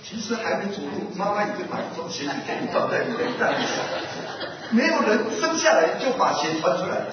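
A man's voice: high voice, big pitch swings, fairly quick, a loud crowd. A male pastor preaching a sermon, asking his listeners questions and acting out an animal fable. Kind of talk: sermon with storytelling. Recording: distant echoey hall, muffled, noisy.

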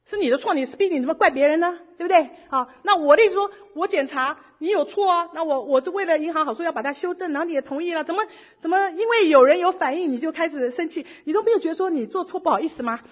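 A middle-aged woman giving a personal church testimony in lively storytelling style, slipping English words into her speech. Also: very high-pitched, fast, hardly any pauses. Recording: dull lo-fi recording.

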